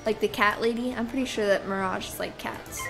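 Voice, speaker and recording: A woman's voice: mid-range voice, fairly even intonation, fast, low-quality recording. A young woman in her apartment, chatting casually and rambling to herself while playing a game, with frequent sighs and fillers. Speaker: gameplay video host. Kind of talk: casual gameplay commentary. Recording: game music clearly behind voice.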